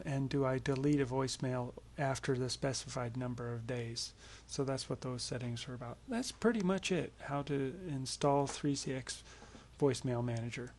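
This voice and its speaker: A man walks through software in a casual screencast tutorial, explaining things informally. His voice is creaky and mid-range.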